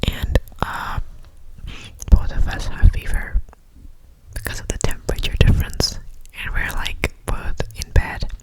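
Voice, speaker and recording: A woman's voice: unhurried, poor audio. A young woman whispering breathily into cupped hands in ASMR style, reflecting in a hesitant, personal way. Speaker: ASMR host. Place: alone in a room at home.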